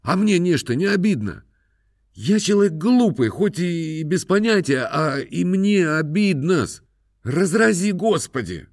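Guy doing a cringing peasant poacher, shaky high falsetto, fumbles his words, dry close sound. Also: big pitch swings, measured pace, dry recording, exaggerated voice. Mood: wounded. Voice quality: quavering falsetto. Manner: humble, fumbling, full of hesitations. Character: timid lame peasant poacher, male, cringing and pleading.

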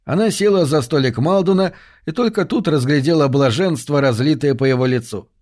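A man's voice: on the high side, fairly quick, darkish tone. Man reading a story aloud. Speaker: audiobook reader. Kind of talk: scripted narration.

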